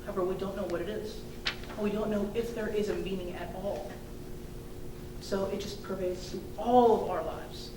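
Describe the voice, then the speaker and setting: A young woman giving a student thesis defense presentation in a hesitant, halting way with informal hedging asides. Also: steady tone. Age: young adult. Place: indoor room, recorded from a distance. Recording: echoey room, distant mic, rumbling noise.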